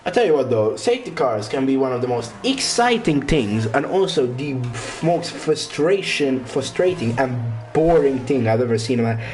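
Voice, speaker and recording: A man's voice: medium pitch, animated, normal speed, hardly any pauses, a little mellow, faint music behind. A man giving casual commentary on an online racing league, rambling, stumbling over names and words, with his voice cracking. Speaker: race commentator.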